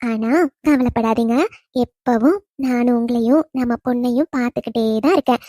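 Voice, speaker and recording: Cartoon: loving ghost wife, high mellow voice, teasing, woman performer. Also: fairly even intonation, moderate pace, dry recording, studio quality, close to an everyday voice. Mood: tender teasing. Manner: affectionate teasing, soft laughs. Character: young wife's gentle spirit, teasing and loving. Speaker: dead wife visiting husband. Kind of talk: cartoon voice acting.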